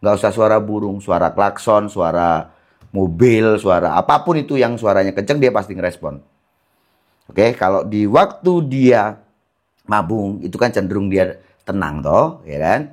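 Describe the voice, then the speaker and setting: A man, casually explaining how to train songbirds, with a relaxed, chatty manner full of fillers. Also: fairly low pitch, normal speed. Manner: relaxed and conversational, lots of fillers like "gitu ya". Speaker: songbird keeper giving training tips.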